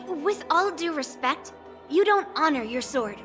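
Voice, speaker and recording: A woman plays a brash young female sword fighter in a game cutscene, her tone teasing and smug with frequent laughter. She speaks slowly in a high, expressive voice over background music.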